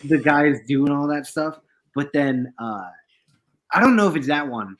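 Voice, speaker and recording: A man in a relaxed, profane casual podcast chat. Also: fairly high pitch, a little slow.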